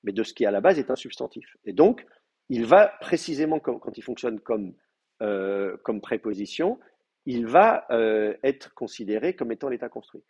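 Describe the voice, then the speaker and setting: A man's voice: mid-range voice, lively intonation, moderate pace, darkish tone, slightly rough. A man teaching an advanced Hebrew class, explaining grammar step by step with many hesitant fillers. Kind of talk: live class lecture.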